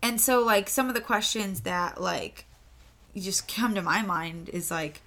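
A woman in her twenties co-hosts a podcast in a relaxed, chatty way. Her voice is bright and forward, and she rambles a little, leaning on "um" and "like" as she talks. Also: mid-range voice, measured pace. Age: 20s. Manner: chatty, animated, lots of fillers like "um" and "like". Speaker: podcast co-host. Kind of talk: casual podcast chat.

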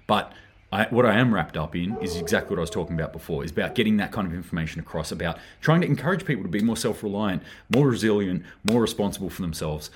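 A man hosting a daily preparedness news livestream, talking in a rambling, earnest way with lots of fillers and restarts. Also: sits low. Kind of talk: casual livestream commentary.

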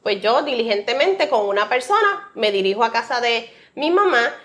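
A woman's voice: on the high side, sing-song, normal speed, a bit bright. A woman from Rico, sharing a heartfelt, faith-filled personal testimony as an interview guest. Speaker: guest, author.

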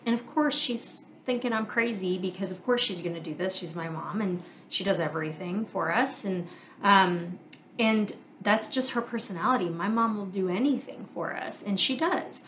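A woman in her thirties talks through her own thoughts on her podcast, candid and reflective, pausing and restarting as she works things out. Her voice sits at an ordinary middle pitch. A faint hiss stays under the recording. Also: fairly bright tone. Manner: candid, reflective, thinking aloud with fillers. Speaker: podcast host, marriage coach and therapist. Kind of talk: casual personal monologue.

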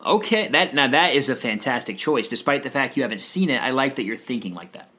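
A man's voice: medium pitch, expressive, fast, bright, forceful tone. A man co-hosting a casual podcast, reading listener questions and teasing his co-host. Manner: joking, teasing, hypes his answers. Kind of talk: casual chat.

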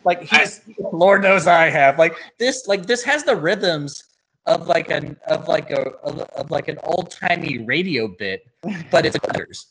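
A man's voice: a little high, animated, bright, forceful tone, a little hiss or hum, rough recording. A man in casual podcast talk about a movie, rambling with many filler words. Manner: rambling, heavy filler words, quick mimicry of film lines. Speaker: podcast host reviewing a film. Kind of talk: casual chat.

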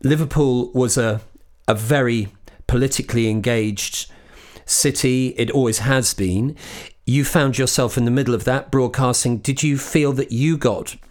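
Guy hosting an interview, calm leading questions, mid voice. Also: mid-range voice, measured pace.

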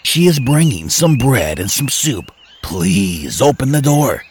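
Storybook villain: a sneaky male wolf with a very low, husky voice that swoops up and down, put on by a woman. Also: big pitch swings, takes it slowly, a little mellow, slight background noise, exaggerated voice. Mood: coaxing. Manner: sweet-talking, sneaky. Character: sly, hungry male wolf, deep and scheming. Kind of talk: storybook read-aloud.

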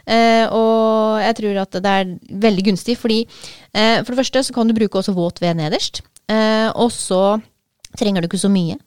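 A woman with a smooth, resonant voice talks through a book in a relaxed, thoughtful way, pausing often with small hesitations. The sound is close and dry, with no room around it. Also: mid-range voice, no echo. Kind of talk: casual book talk.

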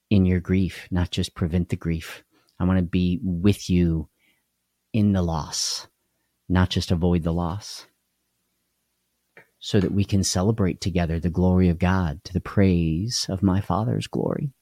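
Earnest man giving a dark-toned devotional. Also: low voice, no room sound, studio quality. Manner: earnest, repeats key phrases for emphasis. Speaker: host of a live devotional show. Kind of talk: live devotional talk.

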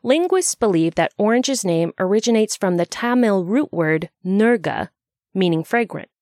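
A woman's voice: medium pitch, expressive, moderate pace, a little mellow, dry recording, clean studio sound. A woman narrating a scripted explainer in a bookish, conversational way, with wry asides.

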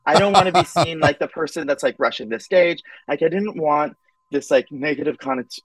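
A man telling his own story as a podcast guest in a casual, animated way, acting out quoted voices and often saying "like" and "um". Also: a little high, a little fast, dry recording, rough recording.

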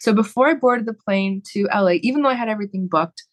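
A woman's voice: mid-range voice, fast talker. A woman in her thirties from Canada, a podcast guest talking candidly and reflectively in a casual interview, often restarting her sentences. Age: 30s.

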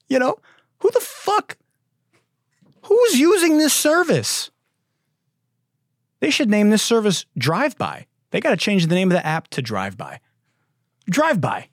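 A man's voice: high voice, huge pitch swings, takes it slowly, pauses often, dry recording, studio quality. Sarcastic swearing man hosting a comedy podcast. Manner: profane, sarcastic, laughs often. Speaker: podcast host. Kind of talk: comedic talk monologue.

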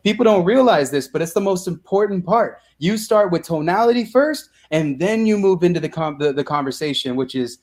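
A young man, a real estate investor, talking in an energetic, slangy way as an interview guest. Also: high voice, brisk, few pauses. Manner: energetic, slangy, says bro and dude a lot. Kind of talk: casual interview talk.

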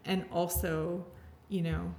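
A woman with a fairly low voice speaks candidly and heartfelt in a relaxed interview. Her sentences wander and restart, packed with casual fillers. A faint hiss sits under the recording. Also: takes it slowly. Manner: earnest, heartfelt, heavy use of "like" and restarts. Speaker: podcast guest sharing her story.

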